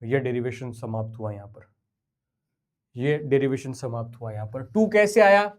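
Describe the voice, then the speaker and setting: A man's voice: medium pitch, lively intonation, normal speed. A man teaching a physics lesson at a whiteboard, coaxing and a little singsong as he talks to his students. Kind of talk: whiteboard lecture.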